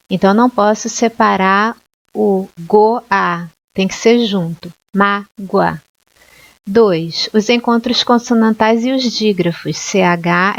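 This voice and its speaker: A woman's voice: medium pitch, dry recording, dull audio. A woman teaching a Portuguese grammar lesson, spelling out letters and repeating each example word with little check-in questions. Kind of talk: slow, deliberate grammar lesson.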